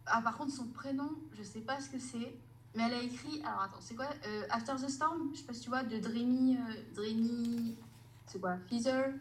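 A woman's voice: on the high side, steady tone, normal speed, a little hiss or hum, poor audio. A woman author as a podcast guest, rambling casually and often stopping to search for names.

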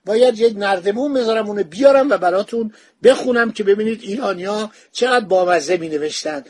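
A man's voice: high voice, a little mellow, dry recording. A man speaking, retelling a historical travel account in a casual storytelling manner as a podcast host. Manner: anecdotal retelling, acts out quoted dialogue. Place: home study with bookshelves.

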